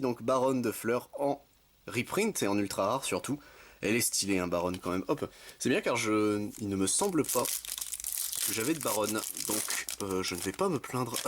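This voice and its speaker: A young man casually commenting while opening trading card packs, listing card names and adding quick asides. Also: medium pitch, lively intonation. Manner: chatty, reads card names in quick lists, self-correcting asides. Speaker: card-opening video host. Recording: faint background noise with card crinkling.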